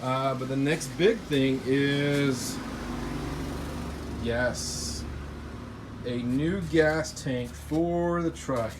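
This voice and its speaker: This American car build vlogger talks very slowly with long pauses, his medium-pitched voice steady in tone, as he gives a casual, upbeat, unscripted update in slangy terms. Faint vehicle and ambient noise run underneath.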